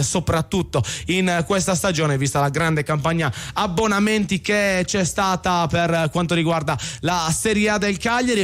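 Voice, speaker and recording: A man's voice: sits high, fairly bright tone. A man presenting a live football show from a radio studio.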